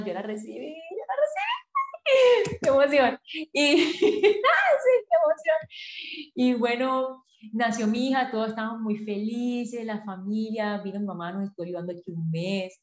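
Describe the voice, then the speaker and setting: A woman, a podcast guest telling her personal story in an animated way, acting out her past self in quotes. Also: medium pitch. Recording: echoey room, dull lo-fi sound.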